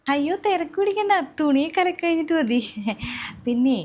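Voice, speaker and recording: A woman's voice: very high-pitched, animated, moderate pace, warm tone. A woman playing a demanding young new mother who orders her sister-in-law around in a comedy sketch. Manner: bossy, whiny, insistent.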